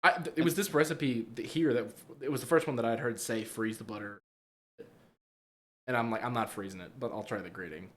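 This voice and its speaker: A man co-hosting a comedy podcast, chatting casually and explaining things in a relaxed, halting way. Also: medium pitch. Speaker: podcast co-host.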